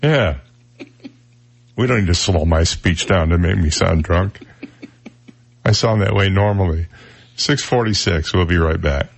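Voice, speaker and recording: A man's voice: low-pitched, measured pace, gravelly, long pauses, husky. A man hosting a radio talk show, telling rambling self-deprecating stories. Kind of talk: casual chat on radio. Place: radio studio.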